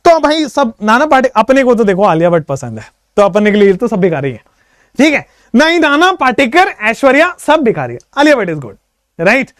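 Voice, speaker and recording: In a casual online chemistry lecture, a man with an extremely high voice teaches playfully and teasingly, mixing in English phrases. He gets lively and sing-song when chanting his mnemonics, at a moderate pace. The sound is studio quality with no room sound.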